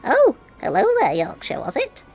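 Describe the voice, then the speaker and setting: A woman's voice: mid-range voice, wildly swooping pitch, normal speed, darkish tone, faint music behind. A woman voicing a small, fussy male guard officer as a talking-vegetable cartoon voice for video game dialogue. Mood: busy, flustered.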